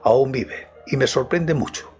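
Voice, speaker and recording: Man voicing a slow, measured doctor. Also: medium pitch, darkish tone, lightly acted. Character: sober middle-aged male doctor, measured.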